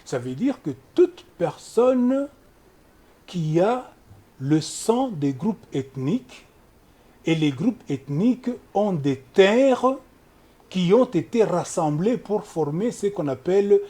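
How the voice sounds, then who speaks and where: In a studio interview, a human rights lawyer appears as a guest, his voice husky and mellow. He lectures in a measured manner, citing article after article while his pitch moves up and down with lively variation.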